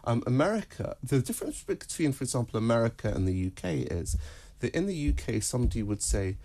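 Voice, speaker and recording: A man speaking as a guest analyst in an interview, in a measured, deliberate, lecturing way. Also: medium pitch, big pitch swings, dark tone. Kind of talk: broadcast interview.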